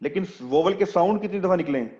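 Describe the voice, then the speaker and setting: A male teacher with a somewhat high voice leads an online class. He explains each point step by step and keeps quizzing his students. The audio is dull and lo-fi. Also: lively intonation, quick pace, warm tone, slight background noise. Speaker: English teacher.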